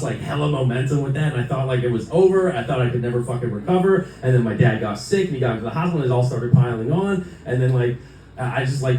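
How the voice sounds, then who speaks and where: A man's voice: mid-range voice, dark tone. Young man, stand-up comedian, rambling and profane, echoey club, distant mic, faint room hum. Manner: loose, rambling, profane, lots of fillers. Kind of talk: stand-up set.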